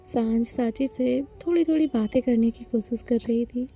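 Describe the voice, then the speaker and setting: A woman narrating a romantic audio story in a plain, steady storytelling manner. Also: a little high, normal speed.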